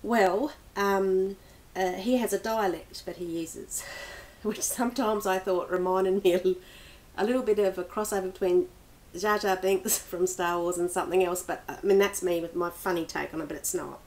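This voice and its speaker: A woman's voice: medium pitch, steady tone, moderate pace, darkish tone. A woman reviewing books in a casual, rambling vlog, with many restarts and small laughs. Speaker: book vlogger. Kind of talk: casual book review chat.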